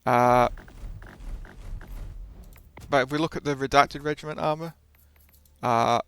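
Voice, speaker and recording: Gravelly man talking through gameplay. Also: medium pitch, fairly even intonation, slow pace, fairly bright tone. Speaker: gaming video host. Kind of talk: casual gameplay commentary.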